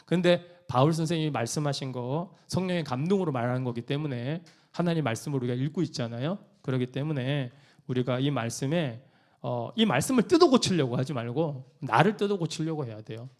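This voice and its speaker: A man preaching a sermon as a pastor, animated and acting out quoted church members. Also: medium pitch, fairly quick.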